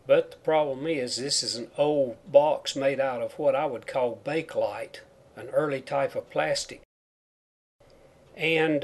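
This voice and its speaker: A man's voice: medium pitch, a little mellow. A man narrating a step-by-step how-to tutorial, his speech marked by a whistle on s sounds from a chipped tooth. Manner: plain, step-by-step explaining. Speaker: DIY home wiring instructor.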